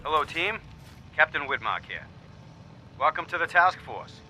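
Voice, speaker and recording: An actor playing a tough, brisk police captain giving a commanding, formal briefing in a video game. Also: male voice, fairly high pitch, big pitch swings, background noise. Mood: commanding, resolute. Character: brisk, tough male police captain rallying his task force.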